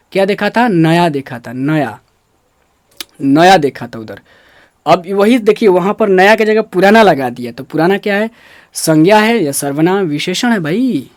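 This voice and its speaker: A man's voice: a little high, no echo, clean studio sound. A man teaching Hindi grammar for an exam. He asks questions and answers them himself, repeats the key words, and stresses careful pronunciation. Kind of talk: exam-prep grammar lesson.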